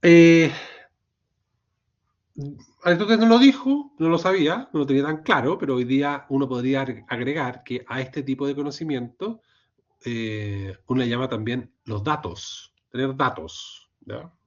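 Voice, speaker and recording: A man's voice: mid-range voice, moderate pace, muffled recording. A man with a Chilean accent teaching a logic class, checking in with his students often and repeating himself for emphasis. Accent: Chilean Spanish. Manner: frequent checking tags and restarts, animated emphasis. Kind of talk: recorded lecture on logic.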